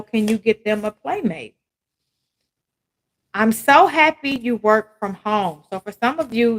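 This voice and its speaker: A woman talks through an oracle card reading in a relaxed, rambling way. She often tags her lines with a questioning "right?" and repeats points with small stumbles. Her voice sits at an ordinary, middle pitch for a woman. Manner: chatty, ends many phrases with "right?"; loose, repetitive phrasing with fillers and restarts. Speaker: tarot and oracle card reader. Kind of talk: casual spoken card reading to viewers.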